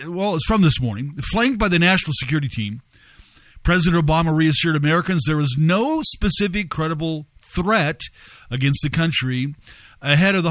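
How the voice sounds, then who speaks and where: A man preaching and reading news aloud, telling a story with many pauses and fillers and stressing key words. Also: fairly high pitch, fairly bright tone, no room sound.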